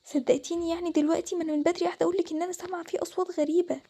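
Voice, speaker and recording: A scared young girl in a cartoon insists she heard strange voices, anxious and pressing, as a woman acts her out. Her Egyptian-accented voice is very high and mellow. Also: level tone, very fast. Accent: Egyptian Arabic. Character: frightened young girl hearing voices at night.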